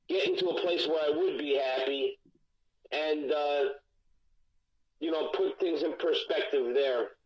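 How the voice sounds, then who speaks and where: A man calling in as a guest musician, talking bluntly and candidly with frequent restarts, heard over a speakerphone line. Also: a little high. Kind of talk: candid phone-in interview. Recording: dull lo-fi phone line.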